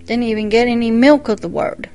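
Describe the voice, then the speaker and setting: A woman's voice: a little high, fairly quick, mellow, natural voice. A woman quoting a male radio preacher, delivering an emphatic, rising list of complaints. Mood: scolding.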